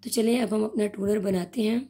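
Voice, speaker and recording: A woman whose voice is hoarse from a sore throat walks through a homemade skincare recipe. Her tone is mellow and low in brightness, and she talks calmly, step by step. At times her strained voice drops into a half-whisper. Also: brisk. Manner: calm, step-by-step instruction, sometimes half-whispered. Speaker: skincare channel host. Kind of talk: home remedy tutorial.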